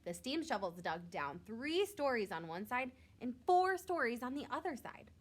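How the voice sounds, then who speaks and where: A woman reading a picture book aloud to young children, expressively, drawing out words for emphasis like a teacher. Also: on the high side. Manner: expressive, with drawn-out emphasis and questions to listeners.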